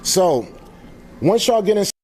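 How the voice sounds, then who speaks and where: A man's voice: high-pitched, very animated, unhurried, darkish tone. A man speaking as a founder presenting at a live event, informally welcoming guests in an earnest, grateful way.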